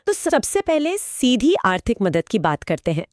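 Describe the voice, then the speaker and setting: Woman, curious questioner, lively pitch, dry close sound. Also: normal speed, no echo. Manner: curious, asks prompting questions. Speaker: co-host. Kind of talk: scripted explainer chat.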